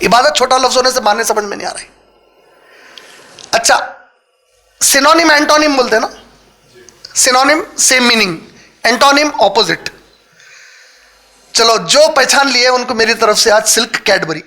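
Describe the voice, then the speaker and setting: A man teaching a live religious class, firing quick questions at his listeners and mixing English words into his talk. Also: extremely high pitch, bright, forceful tone. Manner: quizzes the audience with quick questions. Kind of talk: interactive Quran lesson lecture. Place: lecture hall with a live audience.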